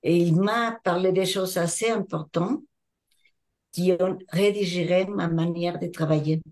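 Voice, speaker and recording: Older Mexican woman, French as a second language, slow and mellow, a hypnotherapist being interviewed. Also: fairly low pitch, fairly even intonation. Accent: Mexican Spanish. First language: Spanish. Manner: thoughtful, searching for words in French. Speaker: hypnotherapist and trainer. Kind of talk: interview answers.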